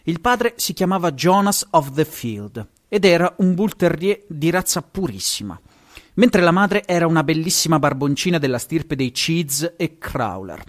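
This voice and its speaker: A man's voice: on the high side, unhurried. A man with an Italian accent, reading a story aloud on his show, now and then stumbling and correcting himself. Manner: lively, stumbles and corrects himself, chuckles at asides. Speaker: podcast host and story reader.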